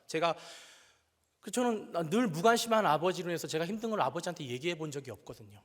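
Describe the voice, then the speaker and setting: Male pastor, sermon, high voice, lively storytelling, self-mocking humor, long church-hall reverb. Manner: animated storytelling that acts out quoted voices. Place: church sanctuary.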